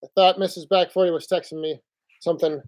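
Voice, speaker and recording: A man hosting a casual live stream from home on his phone, rambling along in a relaxed way and reading out viewer chat. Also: on the high side, quick pace. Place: indoors at home.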